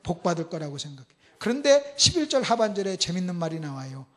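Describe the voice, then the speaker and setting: Gravelly-voiced man preaching a sermon. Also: high voice, very animated, fast. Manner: swings from soft asides to shouted emphasis; asks the congregation questions and answers them. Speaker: pastor.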